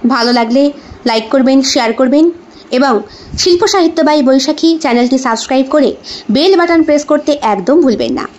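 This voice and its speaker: A woman narrating an audio story in a measured way and closing with a sign-off to her listeners. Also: sits high, animated, a little mellow, highs cut off. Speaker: storyteller and channel host.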